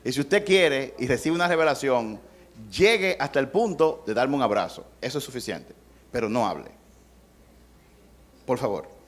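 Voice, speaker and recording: A man's voice: medium pitch, expressive, moderate pace, pauses often. A middle-aged male pastor preaching a sermon in a conversational way, acting out quotes and adding humor.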